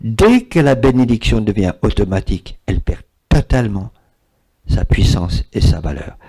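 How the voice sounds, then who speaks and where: Animated husky man. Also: lowish voice, moderate pace. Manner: animated, repeats words for emphasis. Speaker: spiritual speaker. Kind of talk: lecture with audience questions.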